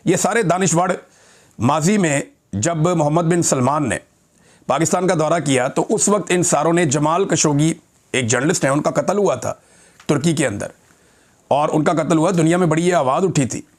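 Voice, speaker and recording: A man with a Pakistani Urdu accent delivers political commentary straight to his audience. His voice sits fairly high for a man. He sounds indignant and heated throughout. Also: normal speed. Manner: indignant and impassioned, addressing viewers directly. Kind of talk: vlog commentary.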